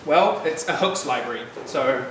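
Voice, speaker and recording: The recording is distant and echoey, with background noise, since this New Zealand developer in his thirties stands away from a room mic. He gives a casual technical meetup talk at normal speed and medium pitch, chatty and relaxed, with frequent fillers and asides. The setting is a bright, loft-like office with listeners present.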